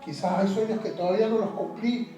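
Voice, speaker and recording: A man tells his personal story in an interview, his high, dark, mellow voice often stumbling over repeated words and sinking low. He sits away from the mic in a very echoey room, with faint music underneath. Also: steady tone, far from the mic. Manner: halting, repeats words, trails off quietly. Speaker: interview guest.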